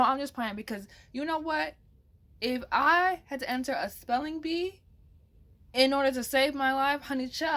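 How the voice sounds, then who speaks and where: A young adult woman hosting an advice podcast in a casual monologue, chatty and playful with sassy slang asides, her voice slightly hoarse. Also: fairly high pitch, a bit bright. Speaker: podcast host.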